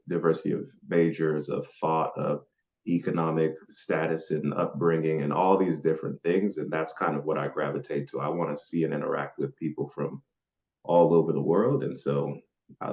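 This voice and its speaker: Super deep-voiced guy from nigeria chatting loosely in an interview, kinda muffled lo-fi sound. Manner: relaxed and chatty, with frequent fillers and laughs. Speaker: podcast guest. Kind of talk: casual interview answers.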